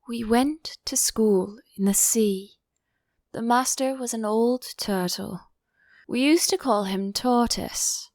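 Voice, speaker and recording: A woman voicing a melancholy, touchy old male turtle creature in a storybook, with a drawn-out, sighing delivery. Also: on the high side, a little mellow, no echo, studio quality. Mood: mournful. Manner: slow, drawn-out, mournful delivery. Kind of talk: audiobook character voice.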